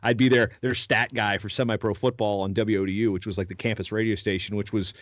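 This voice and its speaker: This podcast guest is a Virginia man in his 40s, speaking quickly in a fairly low, steady voice during a casual interview. He tells long, rambling stories with many restarts, and the lo-fi audio is dull and dry with no echo.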